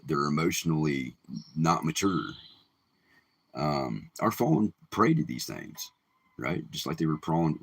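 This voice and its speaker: A middle-aged man speaks in a very deep, gravelly voice with a husky edge. He talks in a loose, rambling way, often circling back and restarting his sentences. It sounds like a casual commentary to camera. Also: fairly bright tone. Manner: rambling, many ums and restarts. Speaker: vlogger.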